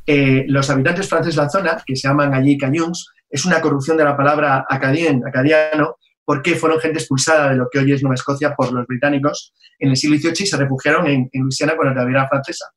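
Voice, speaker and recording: A man, explaining history in a chat with brisk, detailed asides. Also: on the high side, fairly even intonation, fairly bright tone. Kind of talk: casual radio chat.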